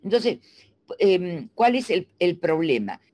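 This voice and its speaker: As an interview guest, a middle-aged Argentine woman who works as a speech coach explains diction in an animated, teacherly way, demonstrating the sounds herself. Her voice is on the low side and she speaks slowly.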